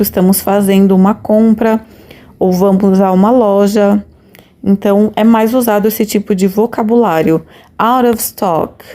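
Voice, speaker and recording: A woman teaching an English lesson, repeating key phrases slowly and deliberately. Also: mid-range voice, mellow. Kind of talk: scripted language lesson.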